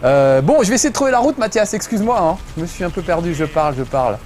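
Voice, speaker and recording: Man, middle-aged, gameplay commentary, jokey, casual swearing, high lively voice. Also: fast talker, a little hiss or hum. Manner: chatty, joking, swears casually. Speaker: host playing a video game.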